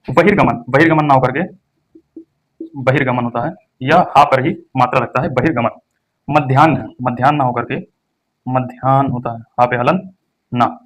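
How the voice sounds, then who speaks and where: Young man, teacher, exam-prep lesson, mid pitch, stresses words, slow repetitions. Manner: stresses each word, then repeats it slowly. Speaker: Hindi teacher.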